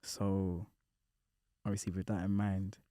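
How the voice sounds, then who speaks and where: A man in his twenties with an East London accent, a podcast guest thinking aloud with many pauses and fillers. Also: deep voice, level tone, mellow, no room sound. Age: 20s. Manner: thoughtful, hesitant, lots of "like" and "um". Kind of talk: casual group chat.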